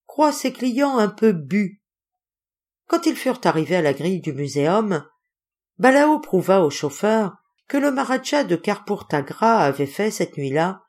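A woman's voice: mid-range voice, a little mellow. A woman narrating a novel as an audiobook, telling the story expressively. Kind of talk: audiobook reading.

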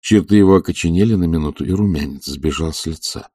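A man narrating a classic novel in a measured, even way. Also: low-pitched, slightly rough, no echo, clean studio sound. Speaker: audiobook narrator.

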